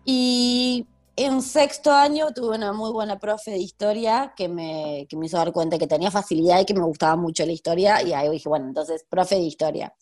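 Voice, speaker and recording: A woman's voice: medium pitch, moderate pace, darkish tone. A woman in her thirties with a Rioplatense Spanish accent, a history teacher talking casually in an interview, laughing often and using many fillers. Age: 30s. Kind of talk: conversational interview.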